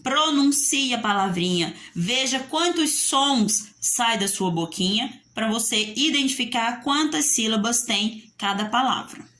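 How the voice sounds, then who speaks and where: Woman, Brazilian Portuguese accent, primary school teacher, video lesson, sing-song, bright voice. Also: fairly high pitch, expressive. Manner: slow, sing-song teaching voice, asks and answers pupils' questions. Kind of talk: video lesson for young children.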